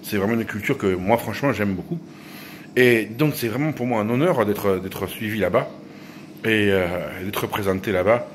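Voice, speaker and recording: A man's voice: fairly low pitch, moderate pace, slight background noise. A man, rambling and joking in a casual vlog monologue, often restarting his sentences. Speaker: YouTuber.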